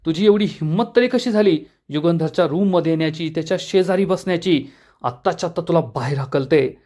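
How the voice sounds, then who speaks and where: A commanding woman snaps out orders and scolds in a high, clipped voice. A man reads her lines in his plain voice as he retells a TV serial episode. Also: fairly quick, dark tone, close to an everyday voice. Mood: angry. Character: angry domineering woman, elder of the house.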